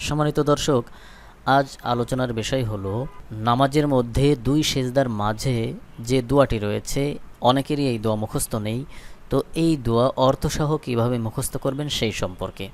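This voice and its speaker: A man with a Bangladeshi Bengali accent teaching a recitation lesson. He spells out syllables and then chants them slowly for learners to repeat. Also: mid-range voice. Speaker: Quran teacher.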